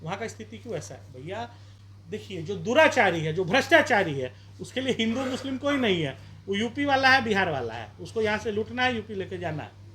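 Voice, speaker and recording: In a street interview, an election candidate from Bihar, India argues forcefully, using rhetorical questions and campaign appeals. His voice is high and sing-song, moving fairly quickly.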